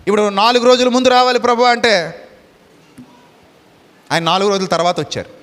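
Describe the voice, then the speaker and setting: High-voiced preacher in a reverberant hall. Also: male voice, a little fast, fairly bright tone. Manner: emphatic preaching, repeats phrases, mixes in English words. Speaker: pastor. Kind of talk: Telugu sermon with Bible reading.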